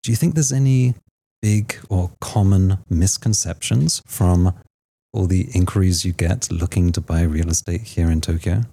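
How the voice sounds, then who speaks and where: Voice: deep voice, moderate pace, mellow, slightly rough. A podcast host interviewing a guest, with eager, encouraging interjections.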